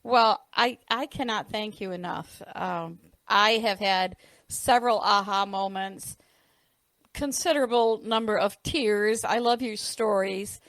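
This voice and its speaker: A woman's voice: medium pitch, a little slow, fairly bright tone, dry recording. A woman hosting an interview podcast, affirming her guest and steering the conversation. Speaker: podcast host.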